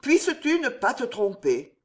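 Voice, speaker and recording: A woman reads as a noble mother in a historical storybook, her voice gentle and tender, a little raised in pitch, with a lively lilt. Beneath the softness sits a calm firmness. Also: unhurried. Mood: firm.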